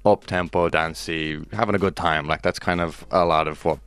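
A man's voice: low-pitched, fairly even intonation, normal speed, fairly bright tone, clear, resonant tone, soft background music. A man, a musician chatting casually as an interview guest. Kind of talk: casual chat.

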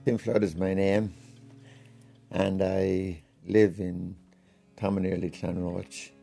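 An Irish man of about eighty, a former hurler, introducing himself in a slow, plain way. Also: deep voice, little pitch movement, creaky, warm tone, soft background music. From County Wexford, Ireland. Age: around 80.

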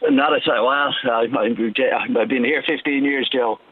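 A man from Dublin with a Dublin accent and a husky voice, chatting casually as a caller to a radio phone-in over a muffled phone line. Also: mid-range voice, steady tone, unhurried, dry recording. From Dublin, Ireland. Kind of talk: casual chat.

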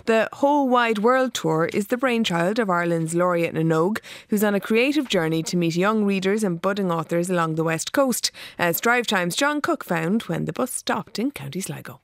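A woman's voice: mid-range voice, lively intonation, moderate pace, hardly any pauses, no echo. Irish woman presenter, dry studio sound. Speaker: radio presenter. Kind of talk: scripted radio introduction.

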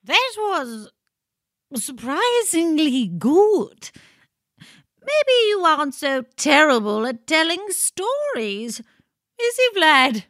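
A woman's voice: high-pitched, big pitch swings, slow pace, a bit bright, no room sound, clean studio sound, full character voice. A woman playing a spooky, teasing female radio co-host with a theatrical delivery in a children's show.

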